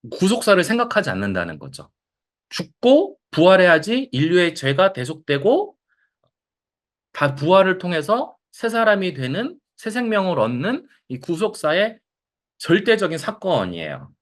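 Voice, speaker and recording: Animated guy teaching a bible class, voice all over the place, asks lots of questions. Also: on the high side, moderate pace. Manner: animated, acts out quotes, asks the audience questions. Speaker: Bible lecturer at a counseling center. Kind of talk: lively lecture.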